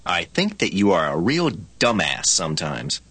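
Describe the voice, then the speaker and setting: Bright, husky man with swooping delivery. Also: low voice, moderate pace, no echo. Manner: expressive, swooping line readings. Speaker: dialogue actor in a language lesson. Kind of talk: scripted practice dialogue.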